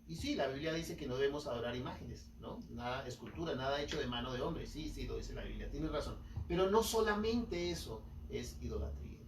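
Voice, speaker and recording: A man's voice: medium pitch, a little hiss or hum. Echoey preaching man, from far off. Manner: preaching with emphatic rises and acted-out quotes. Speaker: pastor. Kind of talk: sermon. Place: church hall.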